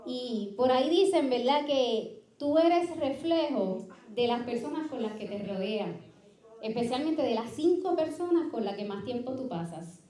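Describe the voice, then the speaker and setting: A woman's voice: on the high side, lively intonation, a little slow, warm tone, reverberant. A woman from Puerto Rico with a Puerto Rican accent, preaching an earnest sermon and often checking in with her listeners. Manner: earnest, keeps asking ¿verdad?, storytelling asides. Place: church sanctuary.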